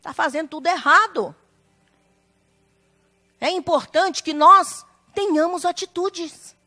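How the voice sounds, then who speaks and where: A woman's voice: very high-pitched, slow, bright, forceful tone. A woman pastor preaching a sermon in church, emphatic and acting out the voices of family members.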